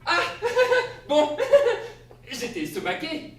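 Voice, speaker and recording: Flustered spouse figure, played by a man, lively swooping voice, comic stage monologue, distant mic, faint hiss. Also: high-pitched, unhurried, very echoey, exaggerated voice. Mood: flustered, amused. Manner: animated, exclamatory, laughs through lines. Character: flustered spouse telling an absurd tale. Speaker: stage actor. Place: theater stage.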